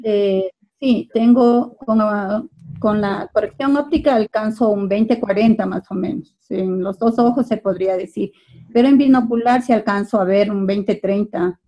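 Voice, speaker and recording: An Ecuadorian woman speaking up on a video call. Her voice is dark and mellow, at a middle pitch. She talks with many hesitant pauses. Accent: Ecuadorian Spanish. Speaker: optometrist asking a question in a webinar.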